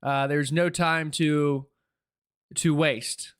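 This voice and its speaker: A man hosting a live weather stream, giving informal, urgent and excitable storm commentary while thinking aloud. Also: a little high, extremely slow, clear, resonant tone.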